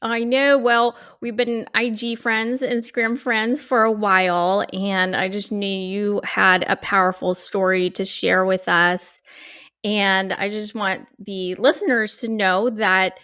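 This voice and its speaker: A woman's voice: medium pitch, steady tone, slow pace, fairly bright tone, clear, resonant tone, no room sound, studio quality. A woman hosting a faith podcast interview, encouraging and affirming as she talks with her guest. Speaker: podcast host.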